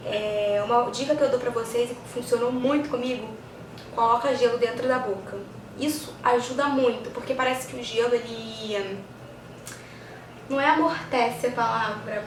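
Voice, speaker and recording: Woman, Brazilian accent, fairly high voice, casual explanatory vlog chat, distant echoey recording with noticeable noise. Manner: conversational, explanatory, with frequent check-in tags. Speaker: vlogger. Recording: echoey, distant mic, clear background noise.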